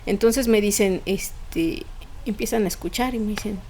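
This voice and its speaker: A woman's voice: mid-range voice, moderate pace, darkish tone, breathy edge. A woman, a podcast guest telling a personal story in conversation, emotional and fluent, with frequent fillers.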